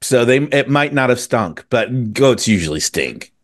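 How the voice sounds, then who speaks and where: A man's voice: medium pitch, big pitch swings, measured pace, a bit bright, dry recording, clean studio sound. A man co-hosting a casual chat podcast, musing aloud in wandering asides. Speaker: podcast co-host.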